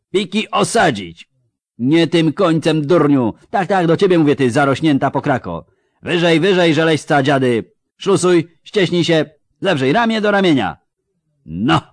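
A crude, sarcastic commander, put on by a male audiobook reader, barks insults and orders at his troops. The voice sits well above the reader's own, loud and pushing. It is recorded dry and close. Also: on the high side, dry recording, pitched above the performer's own voice. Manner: mocking, coarse, barking orders. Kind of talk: audiobook character voice.

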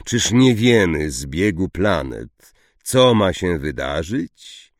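A man's voice: sits low, big pitch swings, slow pace, no room sound, clean studio sound, full character voice. A male narrator voicing a proud, hostile centaur who growls and scolds in an audiobook. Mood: angry.

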